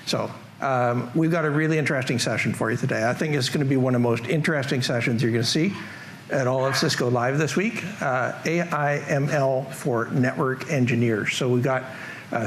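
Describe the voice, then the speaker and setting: Speaking briskly in a medium-pitched voice, a middle-aged conference presenter with a Canadian accent keeps his tech talk in a big hall light, jokey and self-deprecating. There's a faint hiss or hum in the recording.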